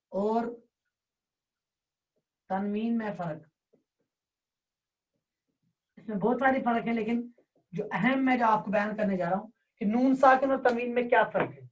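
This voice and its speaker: Male Tajweed tutor, halting and repetitive as he dictates, heard off-mic through a muffled line. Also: very high voice. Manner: dictates slowly, repeating key terms for note-taking; hesitant, with drawn-out fillers. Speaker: Quran recitation teacher. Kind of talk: online Tajweed class. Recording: distant, dull lo-fi online class audio.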